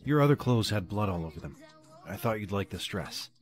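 An actor playing John, a conflicted agent who is earnest and protective, in a short drama skit. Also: male voice, lowish voice, animated, brisk, lightly acted. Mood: tender. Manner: pleading, earnest.

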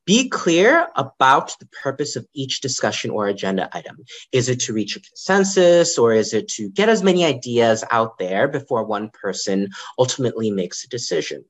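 Young man with a lively, varied delivery. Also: medium pitch, moderate pace, few pauses. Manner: lively, varied intonation, occasional ums. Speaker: librarian giving a conference talk. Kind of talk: prepared lightning talk presentation.

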